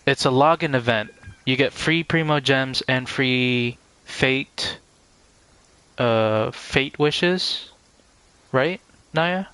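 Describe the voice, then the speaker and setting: Speaking slowly in a smooth, mid-range voice that's pushed and bright, a man streams a game and rambles casually to his viewers, calling them by name. The recording is dry.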